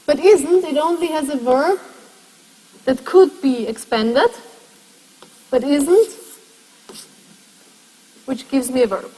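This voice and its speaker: A woman's voice: sits high, animated, slow pace, pauses often, mellow. A woman lecturer in a classroom lecture, explaining step by step and putting questions to the class. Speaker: university lecturer. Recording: long echo of a lecture hall.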